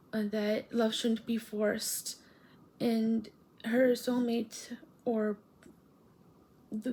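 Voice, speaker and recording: A woman's voice: a little high, warm tone, a little hiss or hum, low-quality recording. A woman talking casually and hesitantly in a late-night challenge vlog, rambling as she goes. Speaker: vlogger.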